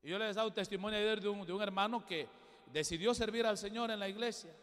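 A male pastor, preaching a sermon with emphatic swings between loud exhortation and quiet asides. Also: high voice, fairly even intonation, fast. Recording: long hall reverb.

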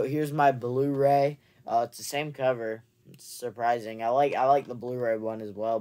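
A man's voice: medium pitch, darkish tone. A young man in a casual haul video, chatting and rambling with many fillers, recorded on a camera mic in a room at home. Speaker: movie collector vlogger. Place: indoor room with shelves of movies. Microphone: camera mic, seated facing camera.

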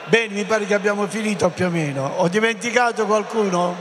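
A man's voice: sits high, fairly quick. A man speaking as a bishop, greeting a large assembly and playfully calling out questions to the audience. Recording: reverberant hall with crowd noise.

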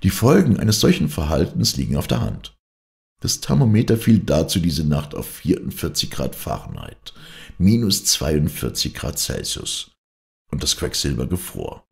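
An audiobook reader with a very deep, gravelly voice narrates a classic adventure novel aloud. His delivery is steady and measured.

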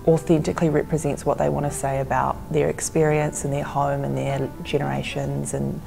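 A woman's voice: deep voice, level tone, a little fast, vocal fry, mellow. A young woman from New Zealand, a documentary director, talking thoughtfully in a casual interview. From New Zealand, Fijian and Tongan heritage. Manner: reflective, thoughtful, frequent "like". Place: gallery, seated indoors. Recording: music bed underneath.

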